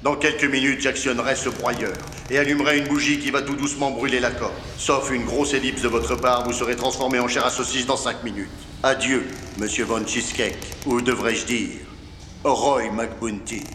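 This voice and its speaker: Man playing a booming, echoing, pompous villain. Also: fairly even intonation, brisk, hardly any pauses, pushed and bright, close to an everyday voice. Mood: menacing, pompous. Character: theatrical male villain gloating over his captives. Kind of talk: comedy audio drama acting. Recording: echoing large hall, noisy ambience.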